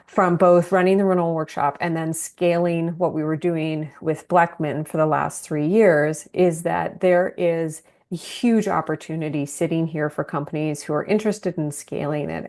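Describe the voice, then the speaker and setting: Woman presenting a webinar in a lowish voice. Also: darkish tone. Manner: conversational, calls for the next slide. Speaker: business founder presenting.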